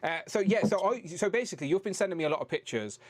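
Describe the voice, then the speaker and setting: A man's voice: high-pitched, animated, quick pace, over a noisy crowd. A man hosting a casual live-stream chat, chatty and teasing, swearing casually as he greets his guests. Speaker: host.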